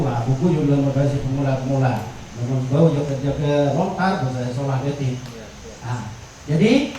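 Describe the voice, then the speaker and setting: A man's voice: fairly high pitch, a little mellow, a little hiss or hum. Man teaching in an echoey hall. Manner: explains slowly with many fillers and repetitions. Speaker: workshop instructor. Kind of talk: teaching talk on traditional verse. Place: workshop room. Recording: echoey room, far from the mic.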